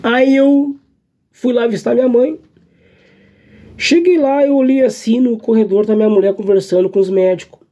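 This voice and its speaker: Man, church testimony, high voice, mellow, earnest, halting repetitions. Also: fairly even intonation. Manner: earnest, halting, repeats phrases. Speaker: church member giving a testimony.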